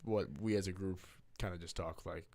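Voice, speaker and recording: Low-voiced young man chatting sports. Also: steady tone, fairly quick, warm tone, no room sound. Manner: loose, rambling, repeats words. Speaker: podcast co-host. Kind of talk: casual sports chat.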